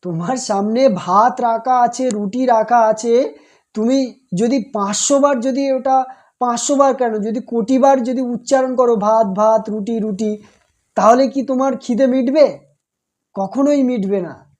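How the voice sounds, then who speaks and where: A woman speaking in a deliberate monologue, repeating phrases and asking rhetorical questions in a scolding manner. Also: on the high side, a little mellow. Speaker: speaker giving a religious commentary.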